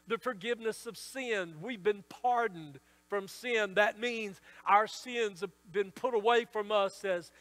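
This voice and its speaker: Give me a slow, high-voiced middle-aged man preaching a sermon, with a long echo from the church hall. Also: a bit bright. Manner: emphatic preaching with slowed, stretched phrase endings. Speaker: pastor. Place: church sanctuary.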